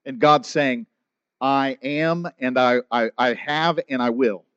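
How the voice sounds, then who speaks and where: A man's voice: mid-range voice, slow pace, a bit bright, clean tone, dry recording, lo-fi sound. A male pastor preaching a sermon in a conversational way, acting out the voices of the people he quotes.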